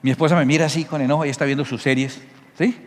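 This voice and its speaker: A middle-aged male pastor preaching a sermon, teaching in an animated, jokey way and often checking that listeners follow. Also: fairly high pitch, racing. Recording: long hall reverb.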